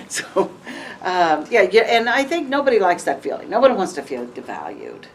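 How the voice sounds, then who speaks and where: A woman with a notably low voice tells her story candidly, with an animated lilt and easy laughs. She is caught at a distance from the mic, so her voice sounds set back in the room. A faint hiss sits beneath her words. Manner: frank and animated, laughs often. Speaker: interview guest. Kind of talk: candid conversational interview. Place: event venue with audience tables.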